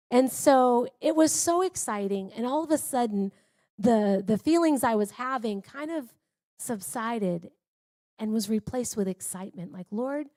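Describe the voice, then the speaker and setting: Woman, mid-range voice, dry close sound; heartfelt testimony speaker, chatty, shifts from hushed to lively. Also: medium pitch, dry recording. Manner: earnest, conversational, swings between hushed and excited. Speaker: speaker at a women's church gathering. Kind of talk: personal testimony storytelling. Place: church service.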